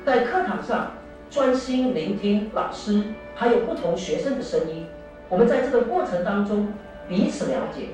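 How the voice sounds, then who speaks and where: A woman with a Taiwanese Mandarin accent giving earnest scripted narration. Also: medium pitch. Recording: distant echoey playback with music.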